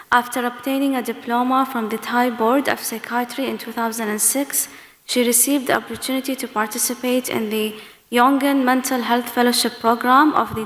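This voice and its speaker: A woman chairing a session, giving formal introductions of speakers, partly read out. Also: on the high side. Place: large conference hall. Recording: echoey hall with long reverb.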